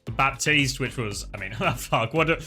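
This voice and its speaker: A man's voice: medium pitch, animated, moderate pace, pushed and bright, faint music behind. A man in his thirties co-streaming an esports match, rambling and correcting himself as he talks to chat. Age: 30s. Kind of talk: casual livestream commentary.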